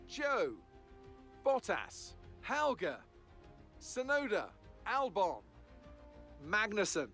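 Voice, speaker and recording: A man's voice: sits high, sharp tone, exaggerated voice. A man voicing a lead motor-race commentator in a video game, giving polished, upbeat scripted broadcast commentary. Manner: upbeat, polished presenter delivery.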